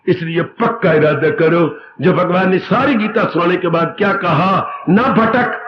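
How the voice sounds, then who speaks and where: A man giving a devotional sermon, telling stories in an animated way and stretching out emphatic phrases. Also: high voice, moderate pace, background noise. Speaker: spiritual teacher. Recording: roomy, dull recording, faint ambience.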